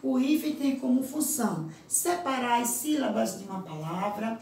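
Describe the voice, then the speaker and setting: A woman's voice: on the high side, expressive, darkish tone, far from the mic, slight background noise. Brazilian woman teacher, echoey room. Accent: Brazilian Portuguese. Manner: slow, drawn-out example words, frequent "certo?" check-ins. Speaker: primary school teacher. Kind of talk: recorded video lesson.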